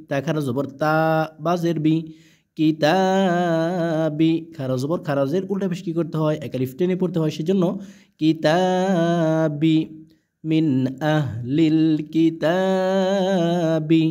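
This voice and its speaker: Man, Quran reading teacher, letter-by-letter spelling lesson, drawn-out recitation, fairly high voice, mellow tone. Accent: Bangladeshi.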